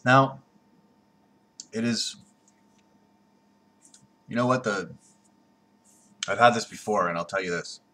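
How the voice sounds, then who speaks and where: A man reviews a beer slowly to a webcam at his desk in a small room at home, leaving long pauses in a fairly low voice. He's blunt and sarcastic, and his volume is jumpy.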